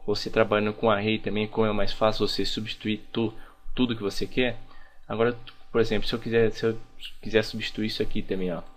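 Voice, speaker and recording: Casual man teaching code. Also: on the low side. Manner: casual, thinks aloud with many restarts and "ó". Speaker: programming instructor. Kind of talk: screen-recorded coding lesson.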